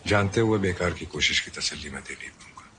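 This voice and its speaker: An actor playing a regretful man of fifty who speaks quietly and with resignation, mixing Hindi and English. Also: sits low, expressive, quick pace, a little hiss or hum. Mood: resigned. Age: 50s. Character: weary fifty-year-old man, regretful ex-husband. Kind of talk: film dialogue.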